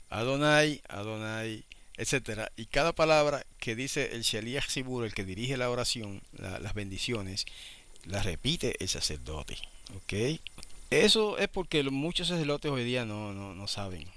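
A man's voice: mid-range voice, pushed and bright, dry recording. A man preaching a sermon, explaining things and often asking his listeners rhetorical questions. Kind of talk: sermon teaching.

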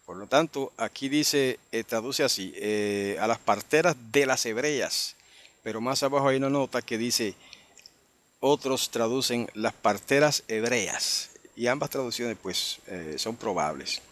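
Man, Bible teacher, mid pitch; unhurried verse-by-verse teaching, checks in with listeners often. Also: a bit bright. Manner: unhurried, explanatory, with frequent tag questions.

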